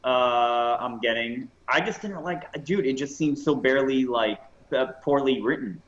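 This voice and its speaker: A man's voice: medium pitch, measured pace, fairly bright tone, dull audio, slight background noise. A man co-hosting a casual podcast, reading news aloud and often tripping over his words. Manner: stumbling, self-correcting reader. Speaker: co-host.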